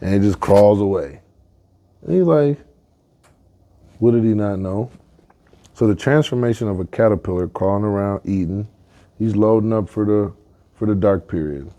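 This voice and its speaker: A man with a low, mellow voice tells fables and life lessons in relaxed slang. He moves from playful to reflective, pausing to draw out the moral. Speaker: guest entrepreneur. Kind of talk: casual storytelling.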